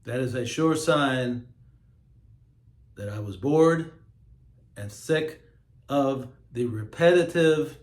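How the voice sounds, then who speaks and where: A man hosting his own show, talking in a slow, emphatic, preachy monologue. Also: medium pitch, a little mellow, echoey room. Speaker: host. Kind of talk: monologue to camera.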